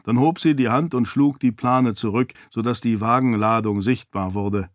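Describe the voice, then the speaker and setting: Male narrator, measured fantasy reading, mid voice, dry booth. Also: medium pitch, no echo. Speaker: audiobook narrator. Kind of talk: scripted narration.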